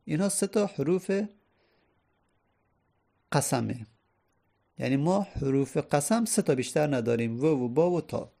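A man's voice: fairly high pitch, lively intonation, vocal fry, pauses often, mellow. A man teaching an Arabic grammar lesson, explaining each point patiently and repeating it step by step.

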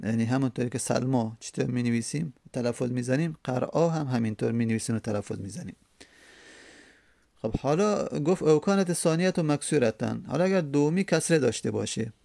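Slow, gravelly man teaching grammar. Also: mid-range voice, a little mellow, no echo. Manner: slow, repeating each example syllable by syllable; hesitant, many drawn-out fillers. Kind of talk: explaining an Arabic grammar text.

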